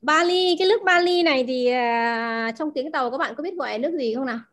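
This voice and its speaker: A woman's voice: sits high, quick pace, a bit bright. A woman teaching a language class, explaining words and asking her students questions often. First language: Vietnamese. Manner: asks the class questions, repeats key words.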